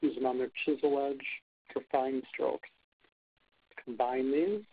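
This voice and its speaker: A phone held up to a speaker plays a man's scripted instructional-video narration, and the re-recording sounds tinny with a little hiss or hum. He issues brief commands one step at a time in a mid-range voice at a measured pace.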